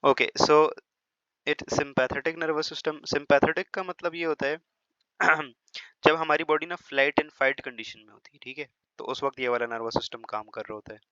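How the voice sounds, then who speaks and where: In a chatty Hindi-English biology lecture, a man with a slightly high, steady voice that's pushed, bright and clean teases his students and keeps checking they follow. Demonstrating pronunciation, he slows and over-stresses words. There's no echo, but the lo-fi audio is slightly dull.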